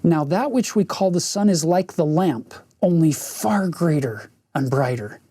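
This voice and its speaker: A young prince who answers coldly and politely in antique phrasing, as a man reads him aloud. He sounds measured and formal, like a storybook character. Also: a little high, expressive, mellow, slightly rough. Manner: cold and formal. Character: cold, polite young male prince, archaic speech.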